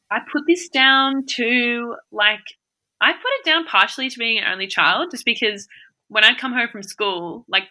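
A woman's voice: medium pitch, bright, forceful tone. A young woman in casual chat, rambling and laughing often, with many fillers. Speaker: conversation partner.

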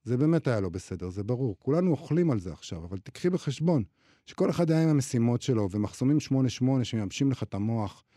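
A man's voice: medium pitch, lively intonation, warm tone, no room sound, studio quality, close to an everyday voice. A man reading as a gangly young soldier. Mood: defensive. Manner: explaining, self-justifying.

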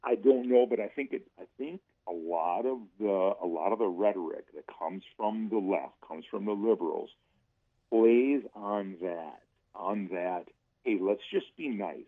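A man talking casually about politics on the radio, haltingly, repeating himself as he thinks aloud. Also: fairly low pitch. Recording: dull, muffled radio sound.

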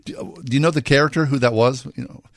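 A man's voice: medium pitch, fairly even intonation, quick pace, no echo. A man chatting casually as a radio show host in a studio.

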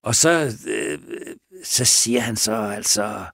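A man who is a police officer, retelling a case in a casual interview, halting with pauses and restarts. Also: on the low side, gravelly, a bit bright, slightly rough, no room sound, studio quality. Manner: halting, with many pauses and restarts, acts out quoted speech. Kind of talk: casual spoken storytelling in an interview.

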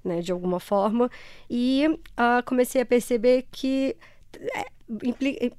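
A woman's voice: on the high side, a little slow, a little mellow, smooth, no echo, clean studio sound. A Brazilian woman with a carioca accent from Rio, answering conversationally as an interview guest in a reflective, explanatory way. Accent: Brazilian, Rio de Janeiro (carioca). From Ceará, Brazil.

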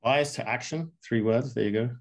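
This entrepreneur guest, a man in his thirties, spent his early childhood in Russia before growing up in England. He answers interview questions thoughtfully but haltingly, full of fillers and restarts, in a mid-range voice with vocal fry.

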